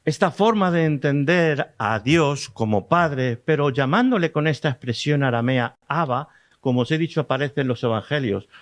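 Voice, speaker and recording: A man with a Spanish accent preaching a sermon, explaining slowly, repeating key words and asking the congregation rhetorical questions. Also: a little high, expressive. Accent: Spanish from Spain.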